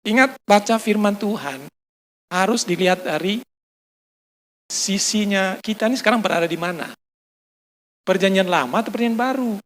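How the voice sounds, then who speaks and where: A man's voice: high voice, normal speed, long pauses, fairly bright tone, slight background noise. A man with an Indonesian accent preaching a sermon, telling a personal story with fillers and acting out the lines of others. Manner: storytelling, acts out dialogue, frequent fillers. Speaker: pastor. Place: restaurant used for a Sunday service.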